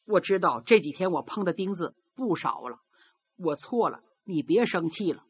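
A chastened young son mumbles a meek, subdued apology, as a woman storyteller puts him on. The voice sits low and quiet under her usual pitch. It sounds dull and lo-fi. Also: animated, moderate pace, breathy edge.

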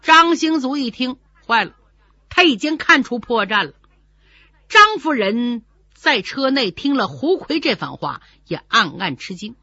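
A woman storyteller narrates a traditional tale in a dramatic, vivid way, voicing the sound effects herself. Her fairly high, bright voice swings widely, with a slight huskiness. The recording is dry and lo-fi. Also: sing-song, a little slow, no room sound. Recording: dull lo-fi recording.

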